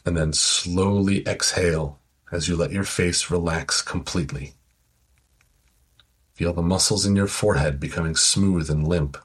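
A man slowly guiding a listener through a progressive muscle relaxation exercise with soothing, calm instructions. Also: sits low, breathy edge. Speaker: relaxation guide.

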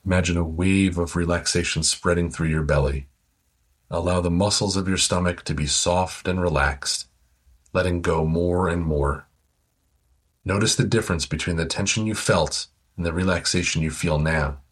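A man slowly guiding a listener through a progressive muscle relaxation exercise with soothing, calm instructions. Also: low voice, slightly rough. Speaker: relaxation guide.

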